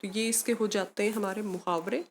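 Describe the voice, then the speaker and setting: A woman's voice: medium pitch, steady tone, moderate pace, a little hiss or hum. Patient woman teacher explaining grammar. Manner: explains patiently, asks and answers own questions; calls students beta, mixes English words. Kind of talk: Hindi grammar lesson for students.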